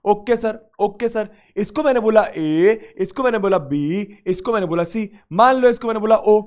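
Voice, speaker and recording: A young man teaching maths in a live online class, lively and repetitive, coaxing students with playful asides, his throat slightly sore. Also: high voice, moderate pace, clean tone.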